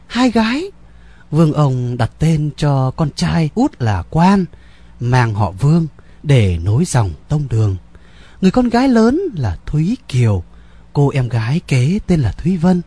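Husky, animated male storyteller. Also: fairly high pitch. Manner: lively, ornate storyteller delivery. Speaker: narrator. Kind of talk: dramatic storytelling narration.

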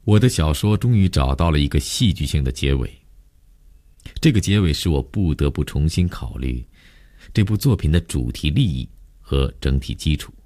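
A man narrating a first-person novel with an extremely low, deep voice. He reads in a measured, grave storytelling manner, steady and deliberate. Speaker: audiobook narrator.

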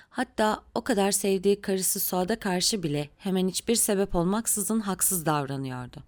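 A woman narrating a literary audiobook in a measured, unhurried reading. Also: mid-range voice, a little mellow.

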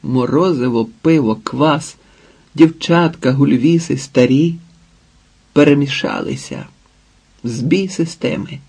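A man narrating an audiobook in a calm, measured way. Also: fairly high pitch, husky. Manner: calm, measured, unhurried reading. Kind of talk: scripted narration.

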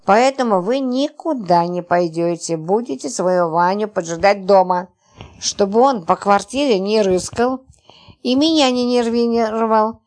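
A woman's voice: mid-range voice, unhurried, a little mellow, natural voice. A woman reading the part of a flustered, naive young wife who frets and pleads. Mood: fretful.

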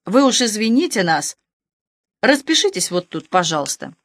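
A woman voicing a calm, polite middle-aged police major. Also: medium pitch, normal speed, dry recording, studio quality.

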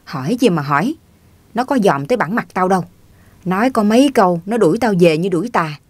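A woman's voice: on the low side, animated, fairly quick, no echo. A woman reading the part of a touchy, stubborn grown man from the countryside who grumbles defensively. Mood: grumbling.

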